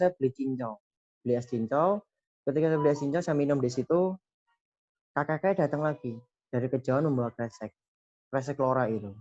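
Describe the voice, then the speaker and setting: A man's voice: medium pitch, darkish tone, no echo, highs cut off. A young man earnestly telling a personal story, often quoting the people he met and ending lines with a short tag. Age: young adult. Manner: earnest, quoting dialogue with frequent "gitu".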